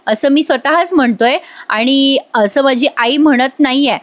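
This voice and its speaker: A hurt young husband answers in short, quiet, bitter lines, spoken by a woman reviewer. The voice stays high and her own, with a subdued, wounded tone. It is a retelling of a serial scene. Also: unhurried, no room sound.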